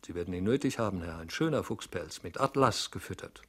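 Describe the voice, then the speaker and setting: A man's voice: deep voice, animated, a little fast, fairly bright tone, husky, full character voice. A man reading aloud and voicing a blunt, gossipy manservant who keeps addressing his master deferentially. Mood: advising. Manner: blunt, deferential, matter-of-fact. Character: gossipy blunt male servant. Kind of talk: audiobook reading.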